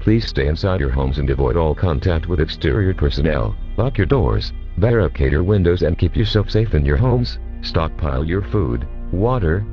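A man voicing an adult male emergency broadcast announcer over a muffled emergency loudspeaker, formal and measured. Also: deep voice.

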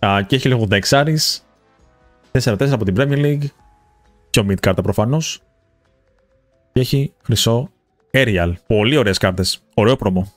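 A young man from Greece commentating a football game pack opening, rattling through card ratings with excited bursts at big pulls. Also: medium pitch, long pauses, no room sound, soft background music. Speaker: gaming YouTuber.

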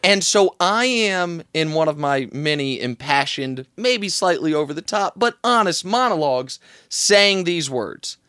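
A man in his thirties telling a story with passion, his voice rising in pitch and volume as he retells it. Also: lively intonation, bright, forceful tone, dry recording, clean studio sound. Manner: impassioned, quick to rise in pitch and volume when retelling. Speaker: sports radio guest. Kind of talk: animated storytelling.

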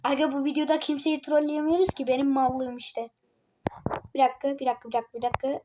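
A woman giving casual gameplay commentary, excitable, teasing other players and yelping or muttering to herself while she plays. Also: high voice, fast talker, a little hiss or hum. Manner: excitable, yelps and mutters to self while playing. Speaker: gaming video creator.

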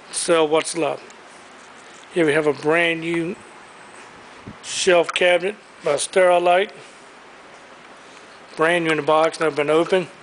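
Walking through a big indoor auction warehouse, a man with a voice on the high side enthusiastically previews the lots for sale. He records on a handheld camera as he goes, and the low-quality audio carries slight background noise.

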